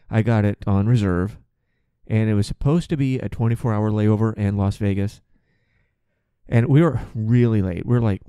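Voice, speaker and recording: A man in his forties who hosts a podcast and works as a flight attendant delivers a casual comic monologue, telling stories in a chatty, profane, funny way and often restarting sentences. His voice is lowish and mellow, recorded at studio quality with no room sound.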